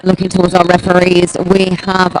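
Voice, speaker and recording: A woman's voice: on the low side, completely flat delivery, moderate pace, slight background noise, rough recording. Woman announcing roller derby with a Minnesota accent. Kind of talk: play-by-play commentary.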